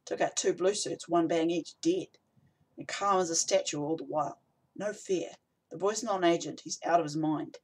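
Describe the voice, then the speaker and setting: A man puts on a blunt, self-assured woman who says what she thinks. The voice sits a little higher than his own. Read for an audiobook. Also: moderate pace, a little mellow, breathy edge. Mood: suspicious. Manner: blunt, forthright. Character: blunt, suspicious woman from a supply cell.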